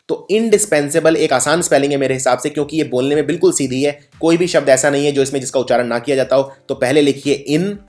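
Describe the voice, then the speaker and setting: A man teaching English spelling in Hindi, explaining word meanings and spelling each word out letter by letter. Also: medium pitch. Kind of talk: explaining lesson.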